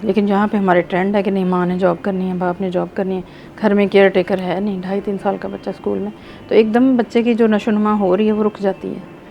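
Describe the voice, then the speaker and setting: A woman's voice: mid-range voice, level tone, brisk, vocal fry, warm tone, slight background noise. Woman guest explaining child speech. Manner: instructive, quotes parents in anecdotes. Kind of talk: explanatory interview answers.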